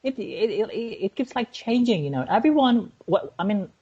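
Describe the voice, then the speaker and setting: A woman's voice: medium pitch, big pitch swings, normal speed, dark tone, slightly rough. A woman with a contemporary RP-style British accent, co-hosting a casual chat and telling stories in a rambling way, full of "like"s. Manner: rambling, filler-heavy storytelling with many "like"s. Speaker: podcast co-host. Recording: dull lo-fi audio.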